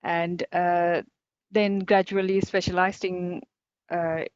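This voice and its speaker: Her voice is lowish, smooth, and fairly flat in pitch, and she speaks slowly. She's a cybersecurity company director in her forties from Sri Lanka, with a Sri Lankan accent, chatting cheerfully as an online conference guest amid fillers and small laughs. It's all heard through dull, lo-fi video call audio.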